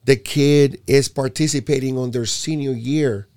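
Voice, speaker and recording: A man's voice: medium pitch, unhurried. Emphatic man from Puerto Rico. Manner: animated, emphatic, repeats words when restarting. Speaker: youth basketball program director. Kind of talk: casual conversation.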